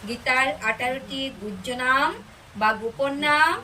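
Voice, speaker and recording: Woman preacher chanting slow, far from the mic, lots of noise behind. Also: sits high, bright, forceful tone. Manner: slow, drawn-out recitation with rising emphasis. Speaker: Gita preacher. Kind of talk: devotional scripture discourse and chanting. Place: outdoor gathering. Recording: distant mic with clear background noise.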